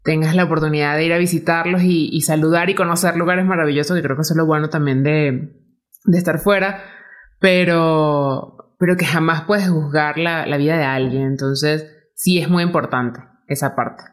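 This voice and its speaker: Low-voiced woman host. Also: normal speed. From Venezuela. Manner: animated storyteller who acts out quotes. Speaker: podcast host. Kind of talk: casual conversation.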